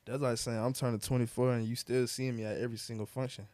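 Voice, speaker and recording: With a flat delivery and a darkish mid-range voice, a man in his twenties co-hosts a podcast, reflecting casually in a rambling, halting way full of fillers, restarts, and "bro." The recording is dry.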